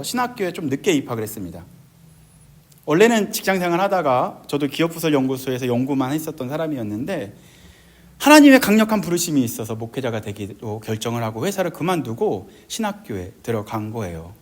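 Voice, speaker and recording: A middle-aged man pastor preaching a sermon, animated, acting out quoted voices with big jumps in his voice. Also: medium pitch, brisk.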